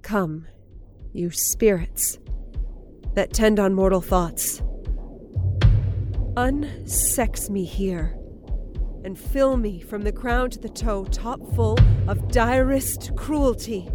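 Lady Macbeth, a woman acting a ruthless, slow-speaking noblewoman. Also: medium pitch, over music, close to an everyday voice. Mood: dark invocation. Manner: intense, deliberate, incantatory delivery. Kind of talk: dramatic Shakespearean stage-style acting.

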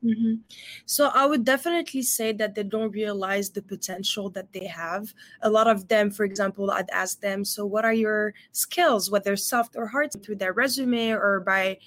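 A young woman from Morocco, guest on a podcast interview, talking earnestly as an empowerment coach with frequent pauses. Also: mid-range voice, fairly bright tone. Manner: earnest, fluent, frequent "uh" fillers.

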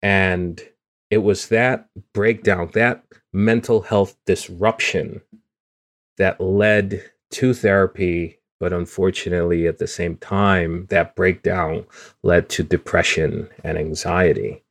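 Earnest low-voiced man from Guyana. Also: steady tone, slow pace. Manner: earnest and open, with frequent restarts. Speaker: podcast co-host. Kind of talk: casual podcast conversation.

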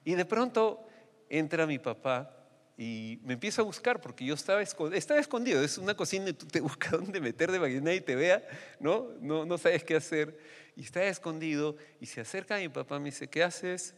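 A man with a Peruvian accent preaching a sermon, telling stories with lively, sudden leaps in pitch. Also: fairly quick, in a large hall. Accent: Peruvian Spanish. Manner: animated storytelling with sudden pitch jumps. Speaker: pastor.

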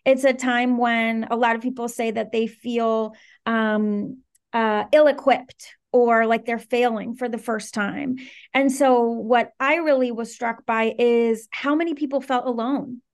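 Earnest, fairly high-voiced woman guest. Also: measured pace. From Venezuela and Washington DC area. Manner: articulate, earnest, animated. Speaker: guest, startup co-founder. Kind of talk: interview conversation.

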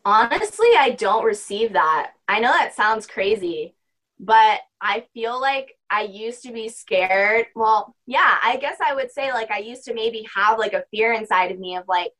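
A young spiritual practitioner, guesting on a podcast, drifts through casual interview chat peppered with "like" and "you know." Her slightly high voice has lively intonation, a fairly bright tone and a somewhat slow pace, recorded roughly.

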